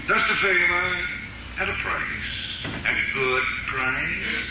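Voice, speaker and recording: The Shadow, taunting invisible avenger, noisy old radio. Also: male voice, high-pitched, slow. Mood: sly, coaxing. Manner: taunting, theatrical. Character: invisible male crime fighter, taunting, mysterious, self-assured. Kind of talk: 1930s radio acting. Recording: very noisy, muffled, echoey 1930s radio recording.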